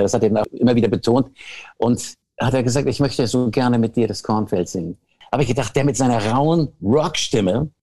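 A man's voice: medium pitch, warm tone. An older man, a guest on a podcast, telling long rambling stories with restarts and self-deprecating asides. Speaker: award-winning guest. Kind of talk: casual anecdotal chat.

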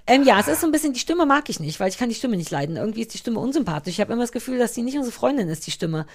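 A woman co-hosting a podcast, chatting casually about a TV series in an animated way, often restarting her sentences. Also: a little high. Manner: animated, quick, restarts and self-corrections. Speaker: podcast co-host. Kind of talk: casual chat reviewing a TV series.

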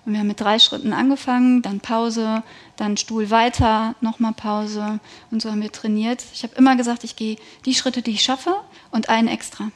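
Earnest woman telling her story, slightly high. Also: flat delivery, normal speed. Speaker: guest. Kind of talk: personal faith testimony in conversation.

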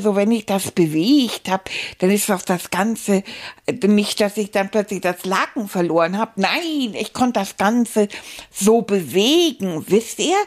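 A woman's voice: medium pitch, a little mellow, close to an everyday voice. A woman voicing a cheerful, boastful male stuffed rat puppet who chats playfully to children as a storyteller. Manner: playful, exclamatory, boastful, chatty.

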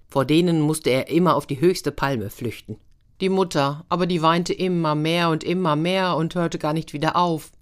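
A woman narrating a fairy tale in a gentle, expressive storytelling manner. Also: low-pitched. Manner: gentle, expressive storytelling, brief voices for figures.

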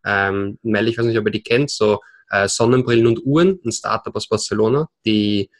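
A Viennese man in his twenties speaks quickly in a fairly low voice as a podcast guest. His Austrian accent is clear, and he hesitates a lot while slipping in English terms.

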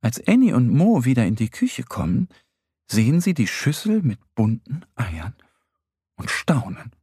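A man reads a children's story aloud, slowly and gently, letting his voice rise and fall with a lot of expression. His tone is a little husky, and the recording is close and dry. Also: medium pitch, wildly swooping pitch, dry recording. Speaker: narrator.

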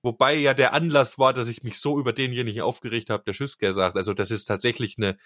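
A man's voice: mid-range voice, fairly even intonation, fast talker, a bit bright, no room sound, studio quality. A man chatting casually on a podcast, telling a wry, self-mocking anecdote. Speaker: podcast co-host. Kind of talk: casual chat.

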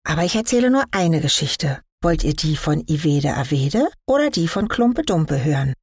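Brief: jovial stout little storyteller man, read by a woman, low husky tone, dry sound. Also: very animated, moderate pace, a little mellow, exaggerated voice. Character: small stout old-fashioned male storyteller, jovial.

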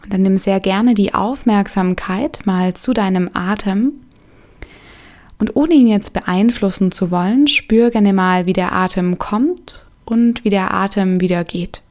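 A woman leading a guided meditation in a soft, soothing way, leaving gentle pauses between phrases. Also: medium pitch.

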